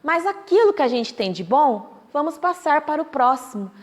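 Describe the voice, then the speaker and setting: Speaking at a normal speed with big swings in her high voice, a Brazilian woman narrates a story during a public talk at a Spiritist center, voicing the other characters. The recording picks up the echo of the meeting hall.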